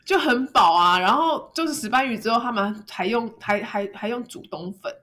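A woman co-hosting a casual podcast chat, telling a story in an animated way and laughing often. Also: fairly high pitch, moderate pace. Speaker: podcast co-host.

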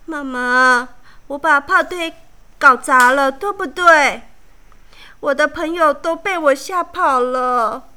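A woman's voice: slow pace, full character voice. A woman voicing a spoiled little princess girl who sobs and wails shrilly. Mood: meek. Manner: sobbing, shrill, loud wailing.

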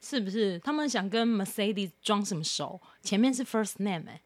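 A woman from Taiwan chatting casually as a podcast co-host, telling an animated story, mimicking other people's voices and laughing often. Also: mid-range voice, moderate pace. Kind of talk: casual chat.

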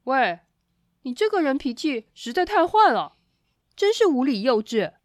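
A woman voices a friendly, cheerful grown man in a children's storybook, pitching her high voice above her natural register. She sounds very animated and upset, speaking at a normal speed in a clean studio recording with no room sound.

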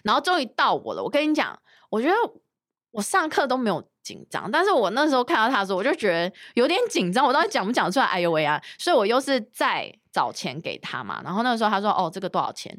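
A woman telling a story in a casual chat, her pitch swinging widely as she gets into it. She drops English words into her sentences now and then. The recording is close and dry, with no room sound. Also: wildly swooping pitch, quick pace, fairly bright tone, no room sound.

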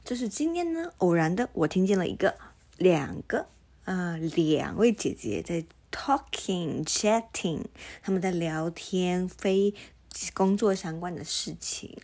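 Husky woman chatting, slightly slurred by mouthguard. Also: lowish voice, a little slow. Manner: self-mocking, animated re-enacting of conversations; mixes in English words. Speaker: podcast host. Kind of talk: casual solo storytelling chat.

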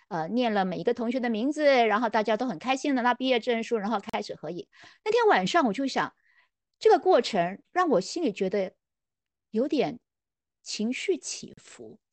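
A woman's voice: fairly high pitch, animated, normal speed, no echo. Middle-aged woman scholar, conversational storytelling lecture, dry close-mic sound. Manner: reflective, conversational, acts out quoted dialogue. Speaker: literature scholar.

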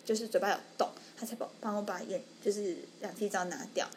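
A woman's voice: mid-range voice, fast talker, darkish tone, a little hiss or hum. A young woman, telling a story on a podcast and acting out the people she quotes. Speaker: podcast co-host. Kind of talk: casual storytelling chat.

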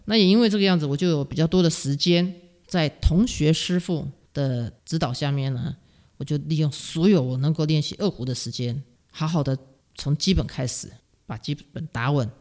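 A middle-aged woman from Taiwan with a Taiwanese Mandarin accent, a music teacher telling stories as a guest in a casual interview, animated and self-mocking, laughing often. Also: low-pitched, normal speed.

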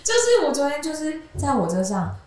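A young woman tells a long story as a guest in a casual chat, rambling and giggling as she goes. Her pitch swings widely and lively. The room around her rings with heavy echo. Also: brisk. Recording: roomy echoing room.

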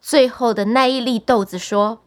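A woman storyteller narrating a bedtime story for children, speaking to them directly in an animated way. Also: a little high, normal speed.

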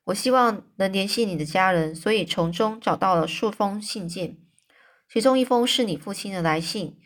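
A woman voicing a kind, earnest middle-aged male magistrate in a storybook reading, speaking in a gentle, measured way. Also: mid-range voice, natural voice.

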